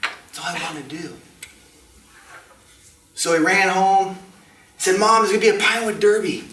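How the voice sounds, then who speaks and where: A man competing in a speech club storytelling contest tells a tall tale on stage to a live audience, theatrical and punctuated with dramatic, deliberate pauses. His voice is high, pushed and bright, recorded in an indoor community meeting room on a distant mic with roomy echo and faint noise.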